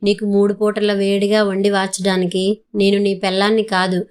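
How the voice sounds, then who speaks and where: A woman's voice: medium pitch, completely flat delivery, moderate pace, a little mellow, clean tone, close to an everyday voice. A woman doing a scornful quarrelsome young woman. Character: sharp-tongued young woman, resentful lover.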